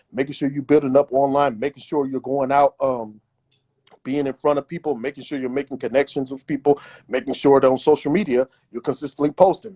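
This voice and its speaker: A man's voice: on the high side, mellow, husky. A man as an interview guest giving emphatic, repetitive advice in a casual chat. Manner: emphatic and repetitive, acts out imagined voices.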